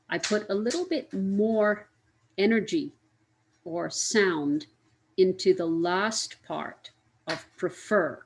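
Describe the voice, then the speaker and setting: A woman's voice: mid-range voice, slight background noise, rough recording. A woman teaching an English grammar lesson, speaking carefully, spelling out letters and repeating each example.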